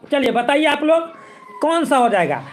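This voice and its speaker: A man's voice: extremely high pitch, very animated, normal speed, a little hiss or hum. A male physics teacher, coaching students for exams. He repeats himself and keeps asking whether they follow. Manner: repetitive, coaxing, keeps checking students follow. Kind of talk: exam-prep lesson.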